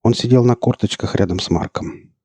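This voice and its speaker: A man reading a novel aloud in an even, measured storytelling manner. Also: medium pitch, breathy edge, no room sound. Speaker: audiobook narrator. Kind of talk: scripted narration.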